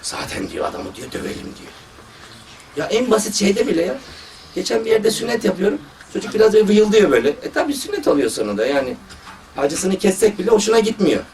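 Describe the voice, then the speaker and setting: A man's voice: high voice, quick pace. A man, a surgeon, giving a religious talk and telling stories from his work, quoting people as he goes. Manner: storytelling, lively quoting of others. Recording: distant mic with faint background noise.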